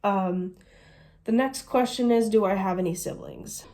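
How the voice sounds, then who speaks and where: In a casual Q&A vlog, a twenty-something woman from the United States speaks at an unhurried pace, her voice medium-pitched and mellow. She's a chatty vlogger who gushes freely and keeps saying "literally."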